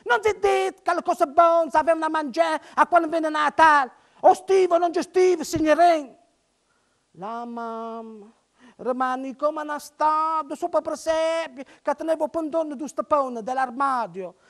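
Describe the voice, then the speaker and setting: High-voiced woman telling a Bari dialect tale. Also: measured pace. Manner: dramatic storytelling with sudden loud outbursts. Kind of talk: dialect story recitation.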